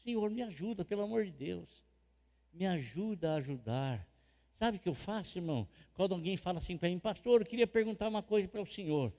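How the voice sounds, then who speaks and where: A man with a Brazilian Portuguese accent preaching a sermon as pastor, swinging from loud emphatic lines to quiet asides and repeating phrases for emphasis. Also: high voice, expressive, fairly quick, vocal fry. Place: church hall. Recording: long reverb of a church hall.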